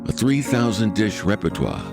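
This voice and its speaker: A man's voice: fairly low pitch, sing-song, moderate pace. A man reading scripted documentary narration as the narrator of a program. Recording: background music under narration. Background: music.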